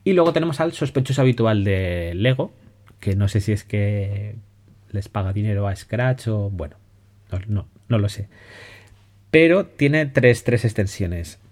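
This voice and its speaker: A man with a Spain Spanish accent hosts a podcast, explaining educational software in a casual, conversational way, often restarting phrases and checking in with listeners. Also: on the low side, measured pace. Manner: relaxed, conversational, many restarts and "¿vale?" checks.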